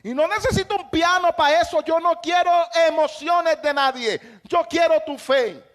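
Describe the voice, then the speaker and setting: High-voiced impassioned male pastor preaching. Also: normal speed. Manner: impassioned preaching with shouted emphases. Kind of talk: sermon.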